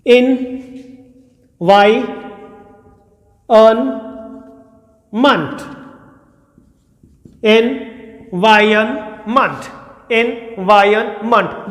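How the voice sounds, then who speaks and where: A man teaching an exam-prep English pronunciation lesson, drilling words slowly and repeating them, asking questions and answering them himself. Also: sits high. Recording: echoey room with long reverb.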